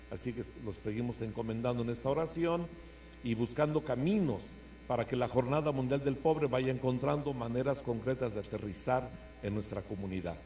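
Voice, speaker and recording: Solemn priest, hummy recording. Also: male voice, mid-range voice, a little mellow. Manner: solemn, measured phrasing addressed to the faithful. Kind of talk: homily and liturgical prayer to a congregation. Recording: noisy church recording with mains hum.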